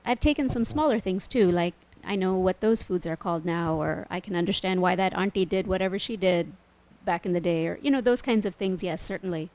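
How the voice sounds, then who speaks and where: A woman on a panel at a book launch, answering an audience question in a reflective, measured way. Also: lowish voice, darkish tone. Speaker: author on a panel.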